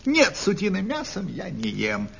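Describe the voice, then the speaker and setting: A man voicing a small, greedy female mouse in a storybook tale, singing and chattering in a high, sing-song way. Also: huge pitch swings, moderate pace, vocal fry, fairly bright tone, husky, full character voice. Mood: choosy. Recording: dull recording with faint rumble.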